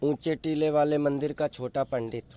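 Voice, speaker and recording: A man's voice: on the high side, steady tone, moderate pace, dark tone, clear, resonant tone, no echo, close to an everyday voice. An actor playing a puzzled small-town male temple priest. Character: odd little male temple priest, grown man.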